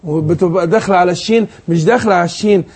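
Egyptian sheikh teaching Quran recitation. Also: male voice, high voice, a little mellow, breathy edge. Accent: Egyptian Arabic. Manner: explains patiently, asks leading questions, demonstrates slow recitation. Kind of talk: tajweed lesson.

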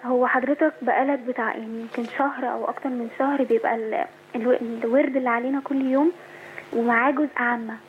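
Egyptian woman, caller, very rapid polite speech, tinny phone line, faint noise. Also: a little high, steady tone. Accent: Egyptian Arabic. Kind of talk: phone call to a live show.

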